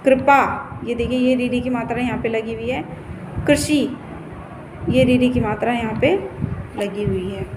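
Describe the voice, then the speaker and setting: A woman teaches Hindi vowel signs at a moderate pace, her fairly high voice even in intonation and broken by frequent pauses. Patient at the board, she points, repeats, and stretches each word, while the classroom echoes faintly with noise.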